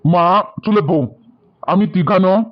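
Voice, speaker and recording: A man's voice: sits high, unhurried. A man with a Varhadi accent acting in a rustic village comedy sketch, talking emphatically and repeating himself. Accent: Varhadi Marathi. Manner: emphatic and repetitive, pleading. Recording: dull lo-fi sound.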